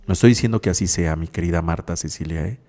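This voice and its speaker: A man's voice: deep voice, fast, dark tone, in a large hall. A male radio host and psychologist, giving reflective spiritual talk and often checking in with his listeners. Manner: reflective, keeps asking "sí?".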